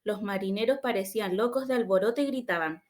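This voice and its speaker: A woman's voice: medium pitch, quick pace, darkish tone. A woman reading a children's audiobook, telling the story plainly in a child's first-person voice. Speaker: audiobook reader.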